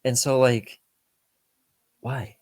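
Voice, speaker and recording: A man's voice: medium pitch, little pitch movement, very slow, a little mellow, dry recording. A man co-hosting a film podcast, chatting casually and bluntly, swearing freely and now and then mimicking characters. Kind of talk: casual film review chat.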